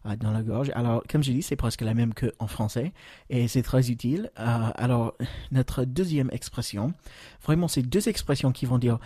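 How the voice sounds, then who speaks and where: An American English teacher hosts a podcast lesson in a dark, mellow, medium-pitched voice. He's patient, pausing often on fillers and slowing down for model phrases, and the recording is close and dry with no room sound.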